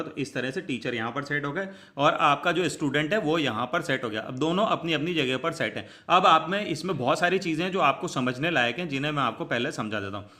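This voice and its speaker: Tutorial host, male, bright forceful voice, slightly high, patient click-by-click instructions. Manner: step-by-step instructions, addresses viewers as friends. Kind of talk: screen tutorial walkthrough.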